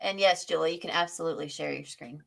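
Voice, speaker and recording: A woman hosting a casual livestream, animated and giggly, with "like" in almost every sentence. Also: low voice, fast talker, gravelly. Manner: giggly, animated, says "like" often. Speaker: host.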